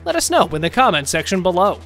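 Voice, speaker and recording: This scripted countdown video has a narrator with a mid-register, fairly bright voice that swings widely up and down throughout. The pace is quick and the delivery lilts in a sing-song way, with faint music underneath.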